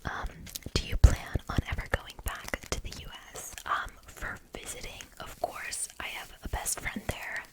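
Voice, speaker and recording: A woman in her twenties from Germany, whispering softly in a casual ASMR question-and-answer chat, with lots of fillers. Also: moderate pace, few pauses, low-quality recording. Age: 20s. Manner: soft unvoiced whisper, chatty with fillers. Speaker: ASMR YouTuber.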